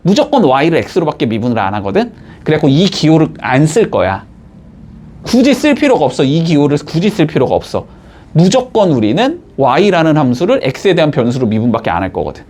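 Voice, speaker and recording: Male math teacher, fairly high and animated voice, talks in step-by-step explanations with frequent quick check-ins. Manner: checks in constantly with quick rising tags. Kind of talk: classroom lecture.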